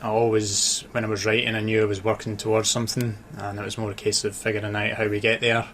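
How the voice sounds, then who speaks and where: Speaking in a low, level, fairly bright voice, this radio interview guest from Dundee (an author and sports journalist) keeps things casual and stops now and then to think. His Scottish accent blends Dundee, Glasgow and Edinburgh, with clear noise in the background.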